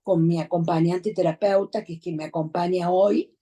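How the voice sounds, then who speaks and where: A woman's voice: fairly low pitch, steady tone, mellow. Reflective middle-aged Argentine woman. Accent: Argentine Spanish. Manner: measured, reflective, with frequent pauses and fillers. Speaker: bereaved mother giving testimony. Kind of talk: personal testimonial storytelling.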